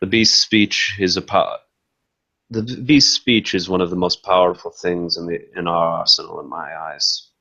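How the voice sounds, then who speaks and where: A man role-playing a beastly, courteous master of wolves from the forest, speaking haltingly and earnestly. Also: deep voice, fairly even intonation, gravelly, bright, forceful tone, exaggerated voice. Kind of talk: tabletop role-play in character.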